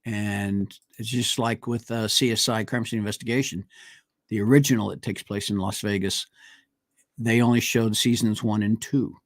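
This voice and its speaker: This co-host of a casual talk show speaks in a lowish voice with a steady tone and normal speed. Reaching for names, he stumbles through plenty of fillers. His studio mic on the live stream captures clean, echo-free, studio-quality sound.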